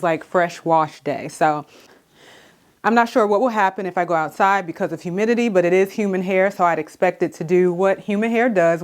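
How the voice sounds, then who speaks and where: A woman talking casually to camera in a hair tutorial vlog, chatty and enthusiastic with many fillers, a little out of breath. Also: on the low side. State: slightly out of breath. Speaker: beauty vlogger. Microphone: camera mic, on camera.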